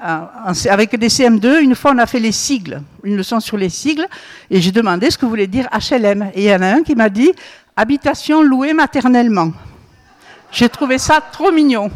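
A woman's voice: on the high side, animated, fairly quick. Lady teaching a bible group, keeps asking "hein?", big hall echo. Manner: asks the group questions, frequent tag "hein?" and "hmm?". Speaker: Bible study leader. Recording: long reverb in a hall.

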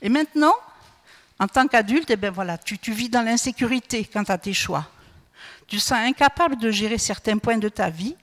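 A woman with a slightly high, expressive voice preaches at normal speed, keeping her sermon conversational. She often asks her listeners "hmm?" and trips over repeated words, all heard with long hall reverb.

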